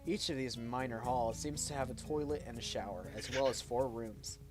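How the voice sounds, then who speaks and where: Male streamer, mid-pitched, loose and unpolished game read-aloud. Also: moderate pace, over music. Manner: casual, unpolished reading with self-corrections. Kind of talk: reading a visual novel aloud.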